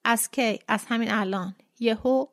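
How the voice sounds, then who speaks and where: A woman voicing a quiet, weary man in a story read aloud, speaking in a subdued, hesitant way. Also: on the high side, natural voice.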